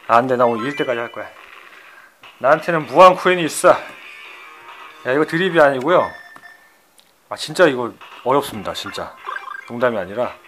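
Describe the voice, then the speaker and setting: A man streaming an old fighting game, swearing at the computer opponent and swinging between loud outbursts and low mutters. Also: a little hiss or hum. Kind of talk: profane retro game commentary.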